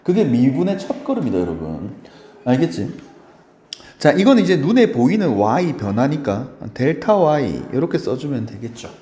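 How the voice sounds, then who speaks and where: At a normal speed, a male math teacher delivers a lively lecture, his pitch swinging animatedly in a mellow, dark tone. He chats and encourages, often asking the class if they follow. The recording has a roomy echo plus a little hiss or hum.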